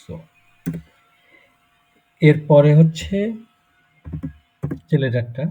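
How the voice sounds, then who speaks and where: A man's voice: a little high, extremely slow, dark tone, slightly rough, faint music behind. A man with a Bangladeshi Bengali accent teaching German pronunciation in a live class, explaining step by step and checking in with students. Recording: muffled lo-fi recording.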